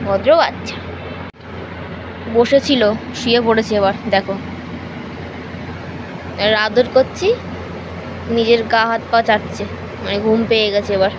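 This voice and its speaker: A woman's voice: on the high side, muffled recording, noisy background. Chatty young woman vlogger. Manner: chatty, coos to her dog; hushed, speaking softly at night. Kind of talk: casual vlog chat.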